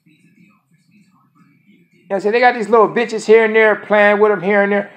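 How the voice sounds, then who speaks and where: A man's voice: sits high, fairly even intonation, fairly quick, fairly bright tone. A man in his thirties speaking a casual monologue to camera, rambling and profane, often repeating his phrases. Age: 30s. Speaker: vlogger.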